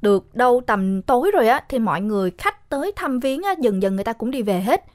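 A woman's voice: on the high side, lively intonation, quick pace, a little mellow. A young woman, retelling a horror film in a chatty way, talking straight to her listeners. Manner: chatty, addresses listeners directly. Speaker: storyteller recapping a horror film. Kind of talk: casual spoken retelling.

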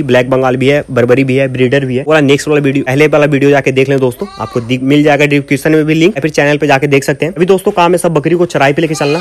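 A man narrating a casual vlog outdoors on his goat farm, chatty and often calling out to his viewers, sometimes shouting at the goats. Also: fairly high pitch. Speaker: goat farmer and vlogger.

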